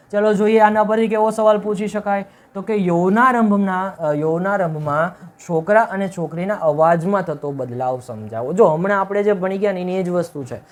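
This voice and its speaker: In a classroom-style video lesson, a high-pitched male teacher asks questions and answers them himself, often checking "right?". His manner is emphatic and repetitive.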